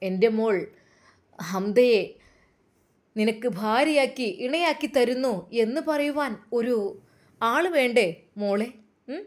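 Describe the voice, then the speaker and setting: A motherly older woman soothes and coaxes with gentle reassurance, as a woman storyteller plays her. Her voice sits fairly high and she keeps repeating endearments. It is a spoken Islamic story told by one narrator. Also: slow, pauses often. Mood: coaxing. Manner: warm coaxing, repeats endearments.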